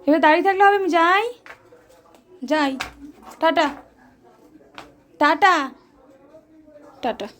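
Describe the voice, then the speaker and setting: A woman's voice: very high-pitched, takes it slowly, long pauses, fairly bright tone. A woman vlogging at home, talking in coaxing sing-song baby talk to a pet. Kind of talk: casual home vlog chat. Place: home indoors. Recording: noisy home recording.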